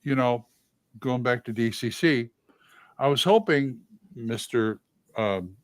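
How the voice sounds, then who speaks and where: On a livestream, a male host chats casually and with strong opinions about tabletop games, his speech halting and then breaking into sudden loud, excited bursts. His voice is mid-range, with no room sound audible.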